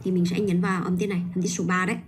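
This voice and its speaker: A woman teaching pronunciation on a livestream, patiently modeling and repeating each word slowly. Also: on the low side, level tone. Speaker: English teacher.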